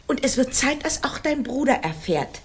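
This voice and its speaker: A husky, fiery taunting wife. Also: female voice, high-pitched, big pitch swings, normal speed, exaggerated voice. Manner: theatrical, taunting, emotional outbursts. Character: volatile wife, fiery, mocking, childless. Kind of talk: 1990 radio play acting.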